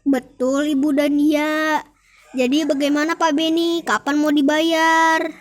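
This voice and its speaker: A man's voice: very high voice, little pitch movement, a little slow. Young man doing a stern landlord. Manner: formal and insistent. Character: stern male landlord demanding overdue rent.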